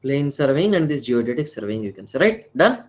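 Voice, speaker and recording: Very animated and fairly quick, a man with a medium-pitched, slightly mellow voice and an Indian accent teaches a live online lecture. He repeats phrases, frequently adds "right" and "na" as tag questions, and mixes in Hindi words. The recording is muffled.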